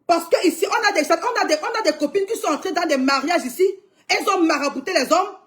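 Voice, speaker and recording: A woman's voice: very high voice, fast talker, fairly bright tone. A young woman commenting emphatically on a live stream, urging viewers to watch, with frequent cries to God. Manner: exclamatory, calling on God.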